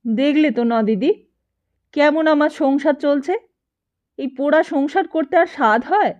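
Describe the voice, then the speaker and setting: A fretful, short-tempered older widow scolds her household in a raised, complaining voice, as a woman narrator puts her on. The voice sits high and the audio is a little dull and lo-fi. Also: unhurried, a little mellow. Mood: self-pitying.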